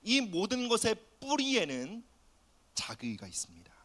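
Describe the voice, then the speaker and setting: A man pastor preaching an earnest sermon, often dropping to a soft near-whisper on key phrases. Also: sits high, huge pitch swings, normal speed. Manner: acts out quoted family voices in his preaching.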